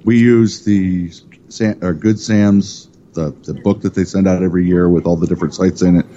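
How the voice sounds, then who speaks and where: A middle-aged man with a deep, dark voice talks casually as a guest, rambling and stopping to correct himself. The recording is dull and muffled, with a faint hiss underneath. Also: steady tone, moderate pace. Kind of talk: casual chat.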